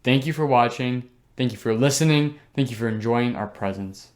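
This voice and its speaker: A man's voice: medium pitch, moderate pace, a crowd in the background. A young man co-hosting a casual podcast chat, enthusiastic and slangy, teasing his co-host.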